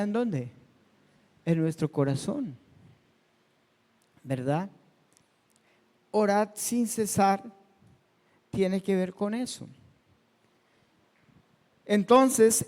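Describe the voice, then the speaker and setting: A man with a high voice preaches in a church hall, the sound trailing off in a long reverb. He talks to his congregation like a conversation, asking them questions as he goes. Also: a little mellow, clear, resonant tone. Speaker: pastor. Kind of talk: sermon.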